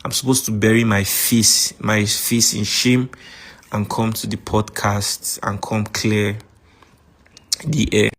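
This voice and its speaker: A man with a Nigerian accent recording a voice message to a friend, calmly recounting a grievance. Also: lowish voice. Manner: calm, measured account of a grievance. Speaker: podcast host.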